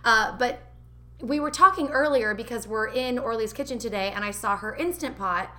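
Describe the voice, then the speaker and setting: A woman's voice: fairly high pitch, moderate pace, sharp tone. A woman co-hosting a casual chat, giggly and talkative, recommending kitchen gear from a home kitchen. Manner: chatty, giggly, recommends products. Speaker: podcast co-host.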